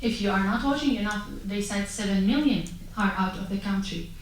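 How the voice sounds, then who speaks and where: A Syrian woman speaks with passion and emphasis at a panel, firing off pointed rhetorical questions in a medium-pitched, fairly quick voice. The recording comes from an echoey hall through a distant mic, with faint noise in the background.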